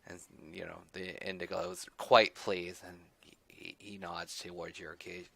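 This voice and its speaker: Low-voiced young man running a tabletop game. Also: little pitch movement, creaky, sharp tone. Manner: halting, many fillers and restarts. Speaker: game master.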